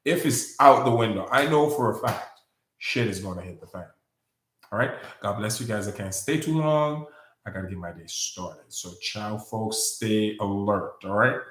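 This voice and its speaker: Deep-voiced man, echoey and distant. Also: animated, normal speed, fairly bright tone. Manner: earnest, rambling, repeats warnings to viewers. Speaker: vlogger. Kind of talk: casual spoken warning update.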